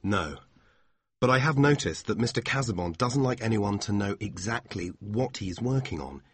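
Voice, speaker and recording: A man voicing a sincere, devoted young man, speaking slowly and earnestly. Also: on the low side, expressive, a bit bright, husky, dry recording, pitched above the performer's own voice.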